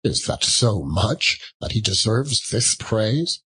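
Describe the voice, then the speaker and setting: A man playing a solemn, slow-spoken ghostly spirit. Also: lowish voice, big pitch swings, sharp tone, husky, heavily acted. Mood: probing, dismissive. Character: ghostly spirit, probing and urgent. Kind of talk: dramatic audiobook reading of a classic story.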